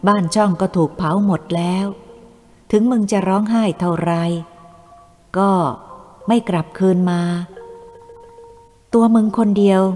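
Woman voicing a coarse male traitor, menacing, slow, heavy, mellow tone, long reverb, soft music behind. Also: lowish voice, close to an everyday voice. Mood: coaxing, coarse. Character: cruel male traitor, Thai collaborator, menacing.

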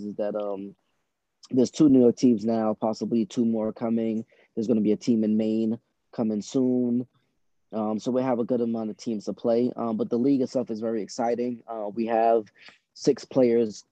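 A basketball coach, born in Trinidad and raised in Boston from age six, answers casually as a podcast guest, saying "you know" often. His voice is on the low side and warm. The recording is dry and lo-fi.

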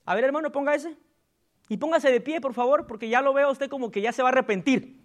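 A man preaching a sermon as pastor in a church, calling out loudly and acting out gossip in low murmurs. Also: fast talker. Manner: preaching with sudden loud calls and acted gossip asides.

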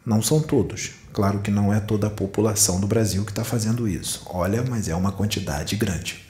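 A man's voice: fairly low pitch, fairly quick, darkish tone. A man giving a channeled spiritual sermon, admonishing his listeners with rhetorical questions. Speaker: spiritual medium. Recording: echoey room.

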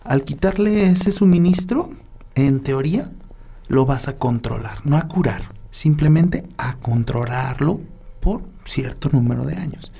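An urologist, a man, explaining treatments step by step in a patient way. His voice sits a bit high yet sounds soft and mellow. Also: lively intonation, unhurried, vocal fry. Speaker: urologist guest. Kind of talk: explanatory conversation.

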